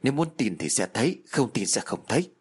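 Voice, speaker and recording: A man voicing a terse, secretive schoolboy who answers in clipped, flat phrases in a horror story. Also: mid-range voice, quick pace, slightly rough. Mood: evasive. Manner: curt, flat, few words. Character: terse, mysterious schoolboy friend.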